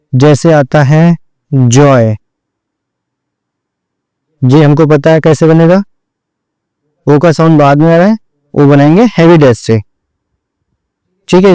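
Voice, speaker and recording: Dry, dark-voiced man teaching step by step. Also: on the high side, clear, resonant tone, no echo, poor audio. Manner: repeats "theek hai" after each step, addresses students directly; drills points over and over. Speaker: shorthand teacher. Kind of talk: online shorthand lesson.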